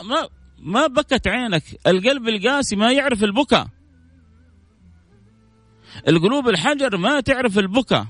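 Guy preaching on the radio, quick talker, gravelly, dry close sound. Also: no echo. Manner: lively storytelling with sudden high pitch jumps. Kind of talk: religious radio talk, reading listener messages.

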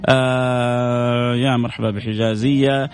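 Speaking slowly at a medium, level pitch, this radio host reads listener messages in the studio and answers each with devout blessings. His manner is warm and prayerful, and the studio microphone recording carries a little hiss or hum.

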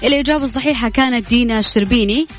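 A woman's voice: on the high side, very fast, soft background music. A woman with a Saudi Hejazi accent hosting a live radio quiz, chatty and congratulatory as she announces questions, winners and prizes. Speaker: radio quiz show host. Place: radio studio with music behind.

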